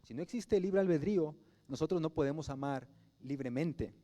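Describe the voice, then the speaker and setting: A man's voice: on the high side, a little fast, dark tone. A Mexican man preaching a sermon as pastor, talking in a conversational way and putting rhetorical questions to the congregation.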